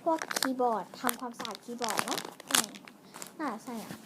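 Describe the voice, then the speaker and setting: A woman with a fairly high voice talks casually to her viewers while unboxing toys at home, wandering off into musings mid-sentence. It is a home camera recording with clear noise underneath. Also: lively intonation, fairly quick. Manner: chatty, addresses viewers, trails off and muses aloud. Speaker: vlogger reviewing toys and snacks. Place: room at home.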